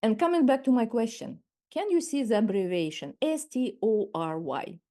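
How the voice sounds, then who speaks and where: A woman of about sixty with a Ukrainian accent leads a masterclass webinar over a video call, her voice slightly high yet mellow. She talks in a measured but animated way, frequently restarting phrases and repeating words.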